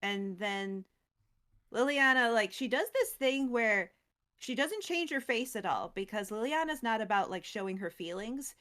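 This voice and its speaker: A woman co-host recapping a story in casual chat, animated and full of fillers. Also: on the high side, measured pace.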